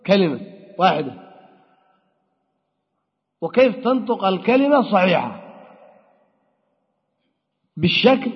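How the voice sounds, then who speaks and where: A man's voice: high voice, husky. A man teaching Arabic grammar in a classroom lecture, explaining step by step and asking and answering his own questions. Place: lecture hall. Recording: dull, long-echo hall recording.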